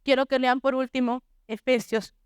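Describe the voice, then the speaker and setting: High-voiced young woman preaching. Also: little pitch movement, moderate pace, smooth, no room sound, studio quality. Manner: earnest, emotional storytelling with quoted prayers. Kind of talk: sermon testimony. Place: church.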